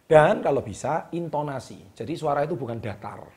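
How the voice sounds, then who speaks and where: A man hosting a motivational talk straight to the camera, emphatic and repeating key words with a drawn-out "ya". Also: a little high, animated, darkish tone. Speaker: host. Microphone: speaking straight to the camera.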